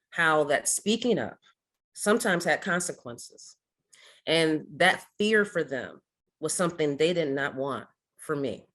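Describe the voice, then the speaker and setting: This keynote speaker, an Ohio woman in her forties, has a deep voice with a fairly bright tone. Addressing a ceremony, she speaks in a measured, rhetorical style that builds up to challenge questions posed to the audience.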